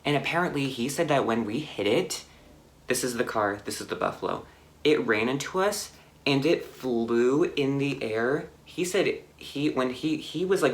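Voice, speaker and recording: A young man telling a car crash story on his vlog, halting and shaken, with many fillers and restarts. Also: mid-range voice. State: anxious, shaken. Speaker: vlogger.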